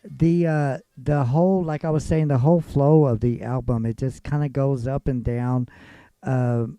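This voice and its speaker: A man's voice: medium pitch, fairly even intonation, normal speed, dark tone, dry recording, soft background music. A man hosting a casual radio interview, talking loosely with lots of fillers. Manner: loose, filler-heavy talk. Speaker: radio show host.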